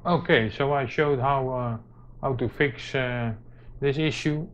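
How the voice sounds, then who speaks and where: Steady in tone and mid-range in pitch, this man from the Netherlands, whose first language is Dutch, presents an off-the-cuff tech how-to. He halts and hesitates constantly, filling gaps with sounds, and the camera audio is dull, lo-fi and noticeably noisy.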